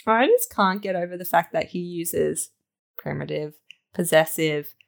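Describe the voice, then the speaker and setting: A woman co-host in a relaxed book chat, with dry, sarcastic delivery. She reads passages aloud with mock drama, then deadpans her reactions. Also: fairly low pitch, unhurried, vocal fry. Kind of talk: casual chat.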